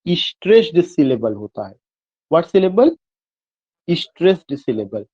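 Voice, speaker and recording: A male teacher gives an online lecture in a slightly high voice. He spells terms out letter by letter and keeps asking the class questions he then answers himself. The sound is dull and lo-fi, like a web class. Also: sing-song, slow, darkish tone, slightly rough. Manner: mixes Hindi and English, spells words out letter by letter.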